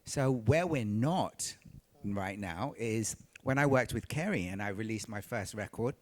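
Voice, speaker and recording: A man's voice: fairly low pitch, lively intonation, measured pace. A man from Tanzania, a recording artist on a panel, telling his story earnestly and repeating phrases for emphasis. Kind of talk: panel discussion, personal storytelling.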